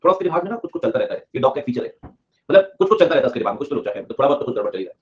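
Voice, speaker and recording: A male teacher giving a classroom lecture, joking and urging students to answer quickly, mixing English terms into his talk. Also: mid-range voice, sing-song. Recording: muffled lo-fi sound.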